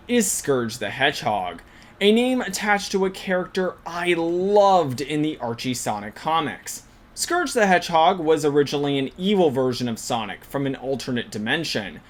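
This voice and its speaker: Animated video essay host, sarcastic asides. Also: medium pitch. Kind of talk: scripted commentary narration.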